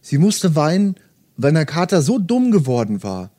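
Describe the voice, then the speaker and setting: Casting: man voicing earnest, childlike old man in his sixties, lively pitch, for a book reading. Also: moderate pace. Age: 60s. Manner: speaks of himself in the third person, plain and earnest. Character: simple-minded old man, gentle, childlike.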